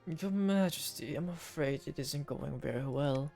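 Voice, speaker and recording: A woman voicing a deferential royal advisor in a fantasy game, speaking in a slow, formal, theatrical manner. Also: low voice, gravelly, warm tone, faint music behind. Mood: grave, deferential. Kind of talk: theatrical fantasy game dialogue read aloud.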